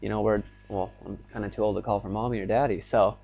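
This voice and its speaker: A man's voice: fairly low pitch, steady tone, quick pace, gravelly, mellow, lo-fi sound, faint music behind. A young man telling a rambling personal story to his phone camera in a casual vlog, full of fillers. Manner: rambling, filler-heavy, grows agitated as the story builds. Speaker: vlogger.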